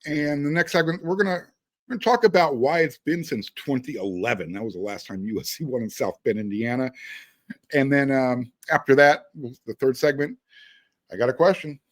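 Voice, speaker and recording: A man hosts a sports podcast with a medium-pitched voice, speaking a little fast with no echo. His delivery is conversational and emphatic, mixing casual sports talk with sponsor spots he reads out.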